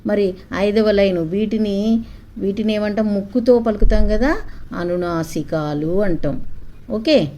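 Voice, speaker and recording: A woman teaching children the alphabet, saying each letter slowly and asking them to repeat it back. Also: medium pitch, warm tone. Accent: Telugu. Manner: slow, syllable-by-syllable call-and-response.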